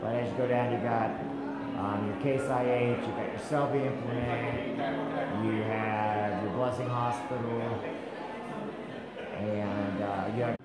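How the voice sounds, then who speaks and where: A man's voice: medium pitch, steady tone, measured pace. A man giving a chatty, promotional live walkaround at a county fair. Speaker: vlogger doing a live feed. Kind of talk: casual live walkaround commentary. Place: large fair barn with crowd, outdoors and indoors. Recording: echoey, reverberant with loud crowd noise. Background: loud fair crowd.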